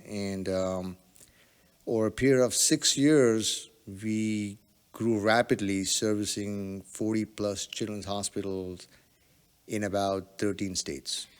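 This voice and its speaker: Low, smooth-voiced man with long reverb. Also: fairly even intonation, takes it slowly. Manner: hesitant, many fillers. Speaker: podcast guest, telemedicine entrepreneur. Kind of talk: relaxed conversational storytelling.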